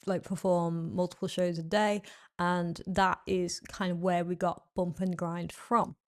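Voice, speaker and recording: A woman's voice: fairly low pitch, flat delivery, unhurried. A woman guest on a podcast, chatting casually about burlesque history, laughing often. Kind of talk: casual chat.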